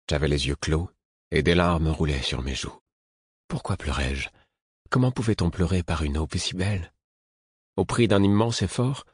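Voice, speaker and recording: A man with a husky voice reading a literary novel aloud in a measured, intimate first-person style. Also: extremely low pitch, no room sound, studio quality. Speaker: audiobook narrator. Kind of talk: scripted literary narration.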